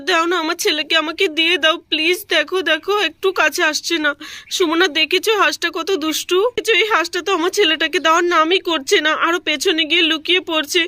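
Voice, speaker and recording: A woman doing an anxious cartoon mother, coaxing and pleading, high bright voice. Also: no echo, studio quality. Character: young mother Rupa, anxious for her son.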